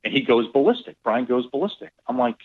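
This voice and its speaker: A middle-aged man, a golf club owner, telling a lively casual story and acting out quoted dialogue, with some swearing. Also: mid-range voice, fast, slightly rough. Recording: tinny phone-like line.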